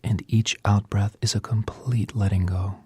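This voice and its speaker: A man leading a guided breathing meditation in a soft, gentle, half-whispered voice, leaving pauses between short phrases. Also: on the low side, level tone, husky.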